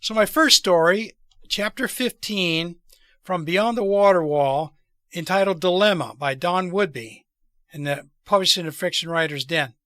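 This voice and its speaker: A man's voice: sits high, unhurried, fairly bright tone, no echo, clean studio sound. A man hosting and reading stories aloud in a lilting, theatrical storyteller's delivery. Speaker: storyteller and host.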